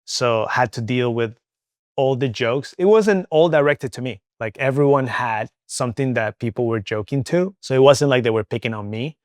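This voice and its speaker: A young man from Venezuela speaks as an interview guest, open and chatty, leaning on fillers as he goes. His voice is smooth and clear, sits at an ordinary pitch, and is recorded close and dry. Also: moderate pace, dry recording. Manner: candid, chatty, many fillers like "um" and "like". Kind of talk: casual interview talk.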